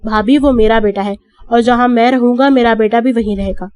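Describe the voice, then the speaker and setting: A woman's voice: fairly high pitch, fairly even intonation, darkish tone, a little hiss or hum, natural voice. A woman reading a cool, firm young husband. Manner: cool, measured. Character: calm, firm young man, protective husband.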